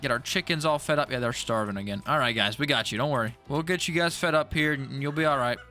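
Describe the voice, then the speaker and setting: A man's voice: mid-range voice, fast, bright, forceful tone, soft background music. A young man giving casual gameplay commentary, rambling and stuttering, jittery from an energy drink. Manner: rambling, stuttery, self-talk with repeated words. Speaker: gaming YouTuber.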